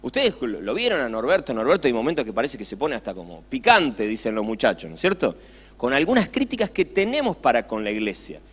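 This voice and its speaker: A man's voice: mid-range voice, very animated, fairly quick, a bit bright, slightly rough. A man with a Rioplatense Spanish accent preaching a sermon in a passionate, conversational way, with many rhetorical questions.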